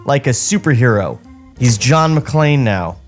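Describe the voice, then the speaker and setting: A man co-hosts a comedy podcast, reading a script aloud and bantering in a casual, mocking, sardonic way as a comic table read. His medium-pitched voice is animated and a little slow, with music playing in the background.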